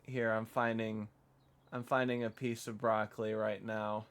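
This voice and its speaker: Slow-talking young man, smooth voice. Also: on the low side, level tone. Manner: rambling, self-deprecating asides. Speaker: vtuber streamer. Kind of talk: casual chat while gaming.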